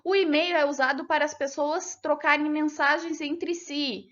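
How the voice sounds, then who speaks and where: High-voiced Brazilian teacher going over a test. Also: female voice, steady tone, normal speed, fairly bright tone, highs cut off. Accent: Brazilian Portuguese. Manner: patient, explains step by step, asks checking questions. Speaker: primary school teacher.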